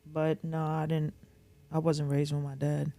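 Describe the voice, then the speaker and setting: Speaking slowly in a low, creaky yet warm voice with a completely flat delivery, a middle-aged Boston-area woman shares personal memories as an interview guest. She talks candidly and casually, frequently repeating points to stress them.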